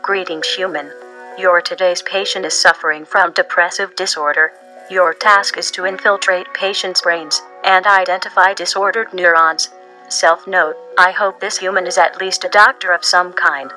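A robotic game AI. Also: female voice, on the low side, steady tone, moderate pace, poor audio. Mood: formal. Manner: formal, clipped machine announcements. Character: calm female AI guide of a game, robotic. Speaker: in-game guide voice. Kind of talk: game character voice-over. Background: loud game music.

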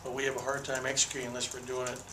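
A basketball head coach in his sixties gives candid, detailed postgame answers into a table microphone on a desk in a small press room, repeating words when he restarts. His mid-range voice is monotone and rapid-fire, with a noisy background and a roomy echo.

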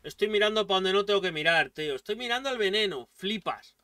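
A man with a Spain Spanish accent doing let's play commentary, excitable, swearing and yelling at the game. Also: high voice, fast, no echo, far from the mic. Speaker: gaming YouTuber.

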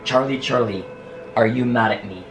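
With a gravelly, medium-pitched voice at normal speed, a young man talks urgently to camera in his small home office for a dramatic paranormal challenge vlog, exclaiming and sighing. The recording is rough, and music plays behind him.

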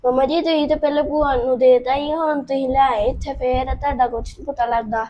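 A sulky boy, played by a woman, whining in a flat, high voice. The sound is dull and lo-fi. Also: brisk, lightly acted. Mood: whiny. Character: sulky child wanting to visit his aunt.

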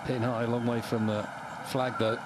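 A man's voice: mid-range voice, little pitch movement, brisk, very noisy. A man commentating on golf in short clipped phrases. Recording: loud outdoor broadcast ambience.

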